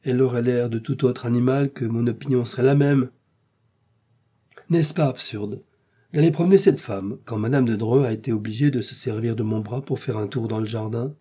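Man reading as a sarcastic young gentleman, warm husky voice, pitched up, loud and emphatic. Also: normal speed, natural voice. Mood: scolding. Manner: mocking, lively, emphatic. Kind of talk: audiobook character reading.

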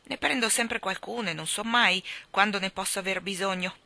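A woman voicing a huge, pompous male cod in a storybook, with a gruff, raspy voice and a bossy, blustering manner. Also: mid-range voice, brisk, pushed and bright.

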